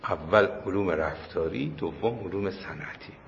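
A man's voice: sits low, creaky, faint music behind. A man giving a religious lecture to a class in a casual, conversational way, telling anecdotes and repeating his points for emphasis. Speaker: cleric lecturer. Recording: muffled hall recording with faint noise.

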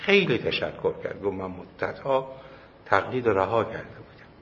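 Low-voiced cleric lecturing in a hall. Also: male voice, big pitch swings, a bit bright. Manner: conversational, anecdotal, emphatic repetition. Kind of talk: religious lecture. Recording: muffled hall recording with faint noise.

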